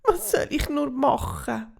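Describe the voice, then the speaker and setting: A woman with a Swiss German accent voicing a small, upset strawberry fairy girl who wails her complaints in a high voice. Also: sing-song, slow, gravelly, a little mellow, exaggerated voice. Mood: wailing.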